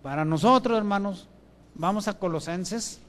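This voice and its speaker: Preacher guy, highish voice, reads verses then asks and answers his own questions, church mic. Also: normal speed, fairly bright tone. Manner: reads scripture verses aloud. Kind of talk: sermon. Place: church with benches. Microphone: handheld or stand microphone.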